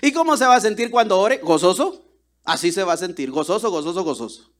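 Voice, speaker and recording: Man, sermon storytelling, high voice, swooping delivery. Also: brisk. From Guatemala. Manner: animated, acts out dialogue with voices. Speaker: preacher.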